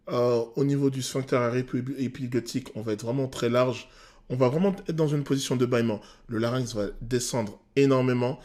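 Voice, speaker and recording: A male vocal coach breaks down a song's technique in detail, speaking in a mid-range voice. His explanation is technical and animated, broken up by frequent "euh" pauses.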